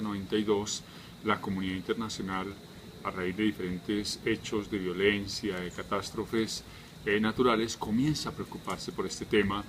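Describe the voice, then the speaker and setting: A man with a fairly low voice walks through his subject in a measured, explanatory way. He leans on fillers and often poses questions that he then answers himself. A faint ambience sits under the recording. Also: background noise. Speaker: humanitarian health worker. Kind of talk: explanatory talk.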